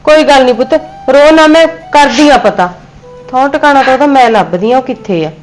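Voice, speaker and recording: A woman's voice: high-pitched, expressive, brisk, rough recording. An older woman playing a worried, soothing mother. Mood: motherly. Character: worried old village mother.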